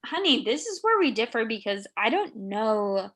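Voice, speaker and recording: A woman's voice: on the high side, big pitch swings, normal speed, a bit bright. A woman with the hiccups co-hosting an improvised comedy scene over a home video call, playful and theatrical. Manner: playful, overly earnest, theatrical. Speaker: improv co-host.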